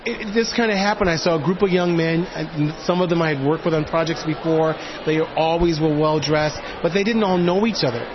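A man's voice: a little high, brisk, few pauses, highs cut off, noisy background. A man who founded a community project answers interview questions in an earnest, emphatic way.

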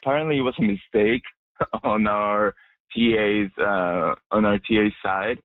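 A man's voice: lowish voice, unhurried, no room sound. A young man from Mexico, a journalism student, answering radio interview questions with many fillers and restarts. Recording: dry, tinny phone-like line.

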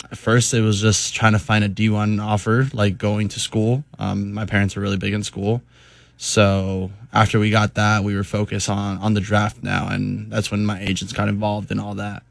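A young man answering interview questions hesitantly, with many pauses and ums. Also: on the low side, gravelly, no room sound. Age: young adult. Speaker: interviewed baseball prospect.

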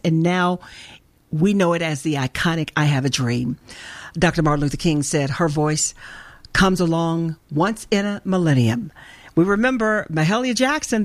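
A woman with an Arkansas Southern accent hosting gospel radio in casual, folksy, exclamatory chat, speaking straight to her listeners. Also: medium pitch.

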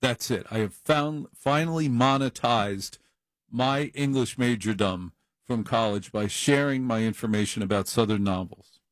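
A gravelly, lowish voice belongs to a middle-aged man hosting an overnight call-in program. Chatty and self-deprecating, he rambles into the studio mic in a casual monologue, captured on a dry recording.

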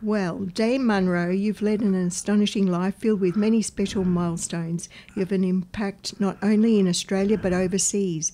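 A woman radio host with a warm, mellow voice leads an interview. She talks in a friendly, encouraging way and sometimes reads from a prepared introduction. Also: medium pitch, fairly even intonation, moderate pace, hardly any pauses.

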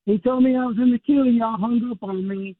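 A man's voice: very high voice, fairly even intonation, fairly quick, no echo. A man calling into a radio show in a laid-back, casual chat, heard over a muffled phone line through bluetooth earbuds. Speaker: radio call-in caller.

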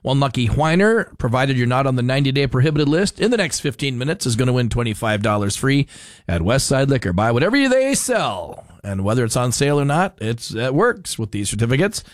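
A man's voice: medium pitch, sing-song, a little fast, dry recording, clean studio sound. A man announcing live as a radio host.

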